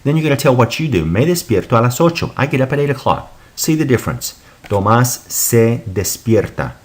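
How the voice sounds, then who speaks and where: A man's voice: medium pitch, sing-song, brisk. A man teaching a recorded Spanish lesson, patiently explaining and repeating examples before translating them.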